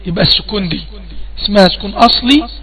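In an online class, a man with an Egyptian Arabic accent teaches the rules of Quran recitation, quizzing his student and repeating questions to draw out answers. His voice is high-pitched and fairly bright, with lively intonation and a very fast delivery.

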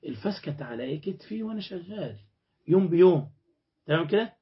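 A man's voice: high voice, lively intonation, fast talker, highs cut off. A man with an Egyptian accent preaching a colloquial religious sermon, often putting rhetorical questions to his listeners. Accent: Egyptian Arabic.

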